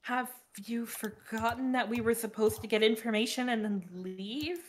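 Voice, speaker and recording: Hesitant, higher-voiced woman player. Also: normal speed. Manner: hesitant, questioning. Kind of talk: tabletop role-play.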